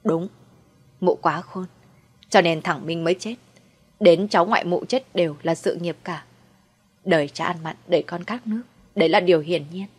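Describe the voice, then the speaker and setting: A woman's voice: fairly low pitch, moderate pace, pauses often, slightly rough. A woman voicing a vengeful, bitter young wife. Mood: defiant. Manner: shouting, full of resentment.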